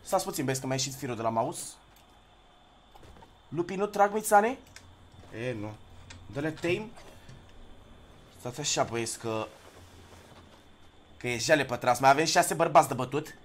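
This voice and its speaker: A young man streaming a video game live, talking to his chat in bursts and shouting at opponents. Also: medium pitch, animated, long pauses. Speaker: gaming streamer. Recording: noisy background.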